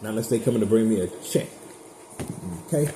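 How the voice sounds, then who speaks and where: Casual male tarot reader, lowish voice, blunt and chatty, echoey room with noise behind. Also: fast. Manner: chatty, blunt and profane, talks straight to viewers. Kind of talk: casual tarot reading to viewers.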